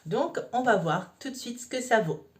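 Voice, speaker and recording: A woman's voice: fairly high pitch, expressive, normal speed, noisy background. A woman talking through a makeup tutorial step by step, casual and chatty with frequent fillers. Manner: chatty, explains each step with many fillers. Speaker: makeup vlogger.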